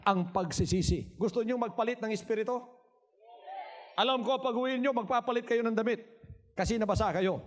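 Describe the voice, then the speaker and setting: High-pitched pastor preaching. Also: male voice, fairly quick. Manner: swings from soft low asides to high shouted exclamations, repeats words for emphasis; asks the crowd rhetorical questions. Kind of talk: Taglish preaching sermon to a congregation.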